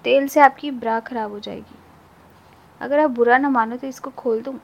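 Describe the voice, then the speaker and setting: A woman voicing a shy, eager young male servant in a spoken story, with a slightly high, gravelly voice on a dull lo-fi recording. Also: steady tone, normal speed. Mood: coaxing.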